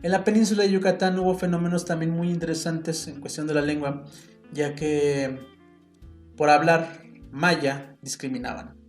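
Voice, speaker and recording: With a Mexican Spanish accent, a man hosting a solo reflective podcast shares earnest opinions, thinking aloud and making small restarts. His voice sits on the high side, holds a steady tone, and moves at normal speed. Faint guitar music drifts through the roomy recording.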